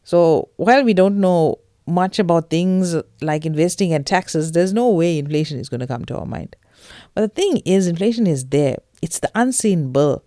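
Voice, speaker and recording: A woman's voice: lowish voice, expressive, moderate pace, mellow, no room sound, clean studio sound. A woman from South Africa with a Durban Indian English accent, hosting a podcast in an emphatic, conversational way and addressing listeners directly. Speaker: podcast host. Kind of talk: conversational financial podcast presenting.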